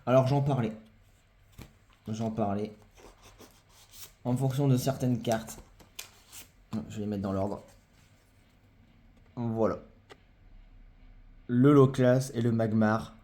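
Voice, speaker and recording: A man with a mellow, mid-range voice takes his time, keeping a steady tone and pausing often as he presents his trading cards in a casual show-and-tell vlog. His talk is hesitant, peppered with fillers and repeated phrases.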